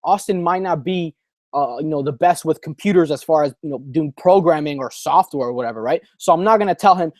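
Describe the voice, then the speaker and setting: A young man hosting a call, coaching listeners in an energetic, slangy way and calling them "bro" a lot. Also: a little high, a little fast, dry recording. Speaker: call host and trainer.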